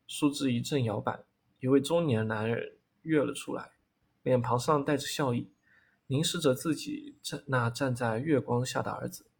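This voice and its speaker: Gravelly, husky male audiobook narrator. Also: mid-range voice, moderate pace. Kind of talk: audiobook narration of a fantasy novel.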